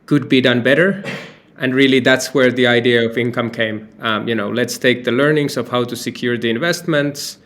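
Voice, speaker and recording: A man's voice: medium pitch, fairly bright tone. A man from Finland, a company founder giving loose, talkative answers in an interview, with many fillers and restarts. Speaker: company founder and CEO, guest.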